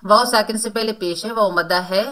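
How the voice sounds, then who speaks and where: Bright-voiced woman teaching recitation step by step. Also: mid-range voice, steady tone. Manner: explains rules step by step, then recites words slowly and drawn out. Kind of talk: tajweed lesson, explaining and reciting.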